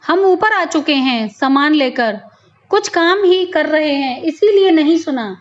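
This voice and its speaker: A woman voicing a sharp-tongued, impatient young daughter-in-law in a storybook tale, on a slightly dull lo-fi recording. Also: high-pitched, animated, unhurried. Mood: curt, scolding. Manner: snapping, irritated scolding.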